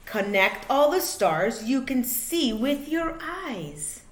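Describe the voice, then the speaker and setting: A teacher reads a children's storybook aloud in a fairly high, very animated voice, and the recording has a roomy echo. She delivers it deliberately and expressively, phrase by phrase, for young listeners.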